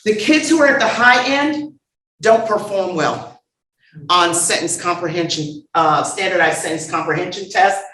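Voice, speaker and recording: A woman giving a conference lecture, lively and humorous, bantering with the audience and calling for the next slide. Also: on the low side, moderate pace. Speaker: conference speaker. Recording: roomy hall sound.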